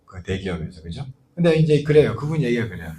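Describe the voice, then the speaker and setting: Speaking fast and very animatedly, a pastor with a medium-pitched, mellow voice preaches in church, with a little hiss or hum in the audio. He narrates a story in a chatty manner, often turning to ask the congregation questions.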